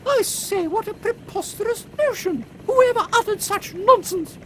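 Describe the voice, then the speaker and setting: A woman's voice: extremely high pitch, expressive, normal speed, rough recording. A woman playing an imperious, eccentric elderly British queen with an upper-class accent in a comic audio drama, pompous and exclamatory. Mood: indignant. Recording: faint background noise.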